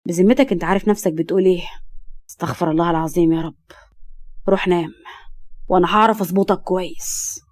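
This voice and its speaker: A woman voicing a stern, angry middle-aged father who scolds forcefully, with an Egyptian accent. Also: lowish voice, quick pace, pauses often, natural voice. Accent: Egyptian Arabic.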